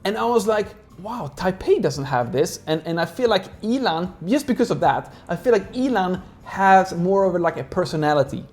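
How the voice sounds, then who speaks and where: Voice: medium pitch, expressive, moderate pace, hardly any pauses, darkish tone. A speaker who grew up in Sweden, chatting casually and rambling with lots of "like" fillers. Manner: rambling, heavy use of "like" fillers. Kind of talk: casual chat.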